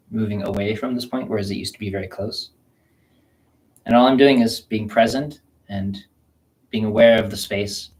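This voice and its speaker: A man teaching a qigong self-massage class, guiding listeners slowly and gently through the practice. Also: fairly low pitch, low-quality recording. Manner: slow, calm, gentle guiding talk. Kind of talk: guided self-massage instruction.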